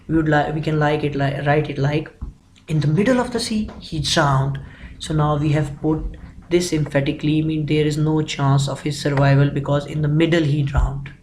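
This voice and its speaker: A man's voice: a little high, a little mellow, a little hiss or hum, poor audio. A man giving an explanatory grammar lecture, methodically working through examples and repeating phrases. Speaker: English grammar teacher.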